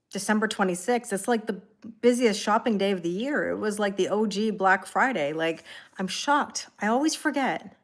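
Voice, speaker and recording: Her voice sits in the mid range. She seems to be a Canadian in her thirties running a tarot live stream, where she greets viewers by name, chats easily, and laughs frequently.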